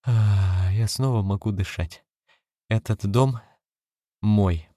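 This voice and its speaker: A man reading an audiobook, voicing a furious, defiant young wife who shouts scornfully and rises into shrill cries. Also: slow, no room sound, clean studio sound. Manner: shrill, scornful, rising to screams.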